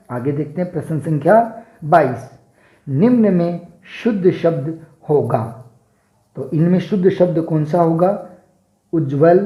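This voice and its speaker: Guy doing a slow exam prep lesson, drags out each word, kinda high but mellow voice. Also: roomy sound, poor audio. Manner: slow, deliberate spelling drills, repeating words to show pronunciation. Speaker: teacher.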